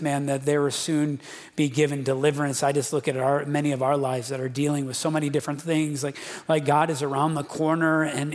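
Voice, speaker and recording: A man preaching a sermon as a pastor, casual and fervent, with slangy asides. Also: a little high. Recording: long reverb of a large hall.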